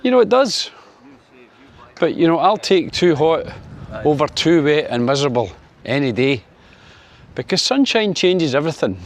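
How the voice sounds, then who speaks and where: A Scotsman in his sixties talks to camera in a casual opinion vlog, his voice sing-song and his pace normal. He's chatty and wry, full of filler words, and his pitch rises whenever he mentions sunny Spain.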